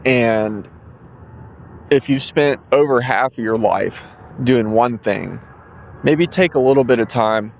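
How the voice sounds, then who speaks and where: A man's voice: mid-range voice, slow pace, gravelly, pauses often, a little hiss or hum. A man, hosting his own podcast alone. He rambles loosely with plenty of ums and yawns now and then. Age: 20s. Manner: rambling, full of fillers, yawning. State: drowsy, yawning. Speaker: podcast host. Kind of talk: casual solo podcast monologue.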